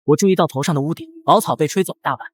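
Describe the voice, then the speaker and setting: A man reading a first-person web-novel story as scripted narration, in a rapid, even storytelling delivery. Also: a little high, no echo, studio quality.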